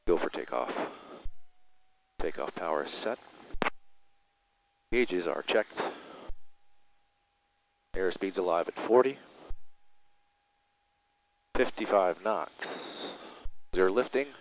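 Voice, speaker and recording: Deep-voiced man piloting a plane. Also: lively intonation, takes it slowly, vocal fry, pauses often, poor audio. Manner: terse, checklist-like phrasing. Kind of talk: running commentary with checklist and radio calls. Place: small propeller plane cockpit.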